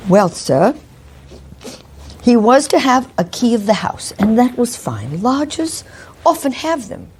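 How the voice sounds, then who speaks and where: A woman's voice: fairly high pitch, big pitch swings, a little slow, a little mellow, a little hiss or hum. A woman playing a nervous, deferential Victorian landlady in a mystery role-play, with a stammering, frightened manner. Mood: anxious, deferential.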